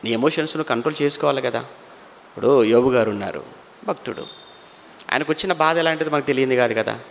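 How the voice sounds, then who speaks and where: A man's voice: medium pitch, quick pace, vocal fry, big-room sound, a little hiss or hum. A man preaching a sermon, telling the story and putting rhetorical questions to his listeners.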